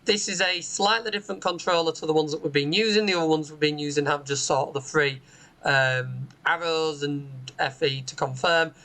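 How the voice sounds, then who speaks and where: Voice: mid-range voice, brisk, sharp tone, poor audio. Chatty bus-sim host with many ums. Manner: chatty, explanatory, frequent "um" fillers. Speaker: bus simulator channel host. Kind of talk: gameplay commentary. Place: home room with a window onto a street.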